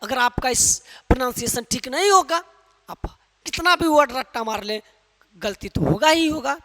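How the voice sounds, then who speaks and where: A man's voice: very high voice, animated, moderate pace, bright, forceful tone. A man from Uttar Pradesh teaching an English lesson. He drills pronunciation with repeated questions and calls his listeners brother. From Uttar Pradesh, India. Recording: long hall reverb.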